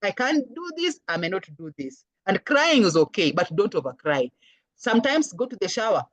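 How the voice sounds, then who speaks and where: Woman, Kenyan accent, counselor's talk, animated, playful quoted voices, dry sound. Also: medium pitch, moderate pace, no room sound. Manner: animated, acts out little voices when quoting people. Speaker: guest speaker, counselor. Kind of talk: lecture-style talk.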